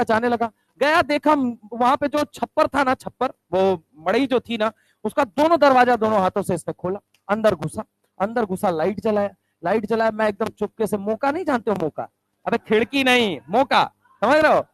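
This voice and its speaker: Man, chemistry lecture, storytelling, very high pitch, dry close sound. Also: dry recording, low-quality recording. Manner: animated, keeps asking the class if they understand. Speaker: chemistry teacher.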